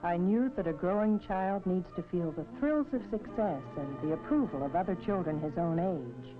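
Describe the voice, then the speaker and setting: An actress playing a thoughtful, worrying mother who narrates a vintage educational film in an earnest, measured, sentimental way. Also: fairly low pitch, expressive, over music, close to an everyday voice. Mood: worried. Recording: tinny, noisy vintage film soundtrack.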